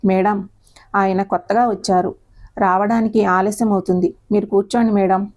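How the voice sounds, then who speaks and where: A woman's voice: mid-range voice, steady tone, normal speed, darkish tone, natural voice. A woman voicing a respectful male college attender in an audio story, eager to please. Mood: deferential.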